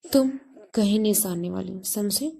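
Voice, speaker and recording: A woman's voice: mid-range voice, moderate pace, gravelly, dark tone. A woman voicing a bold, defiant woman lead in a narrated love story, speaking with sarcasm. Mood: tender firm. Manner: mocking, sarcastic.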